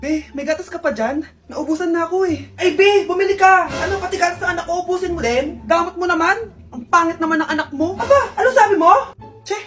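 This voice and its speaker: A young woman acting out comic skits, switching quickly between characters in a playful way. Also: very high-pitched, distant mic. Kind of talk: comic skit role-play, many voices. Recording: voice over background music.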